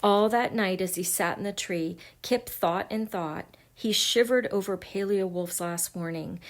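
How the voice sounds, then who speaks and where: Unhurried woman reading a picture book. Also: medium pitch. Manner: gentle, expressive, dropping to a hush at times. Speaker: storybook reader.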